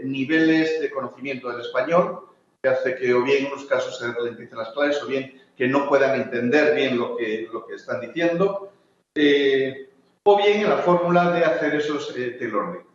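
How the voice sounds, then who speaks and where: A man from Spain speaking on a conference panel, hesitant, with many fillers and restarts. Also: medium pitch. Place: large conference hall. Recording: echoey hall, distant, dull lo-fi.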